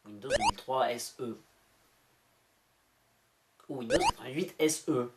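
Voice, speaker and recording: A woman reads a scam conversation aloud with comic asides, her pitch swinging widely from line to line. She slips in and out of mock voices and drops casual swear words. The tone is sarcastic throughout. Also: wildly swooping pitch, measured pace, noisy background. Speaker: YouTuber.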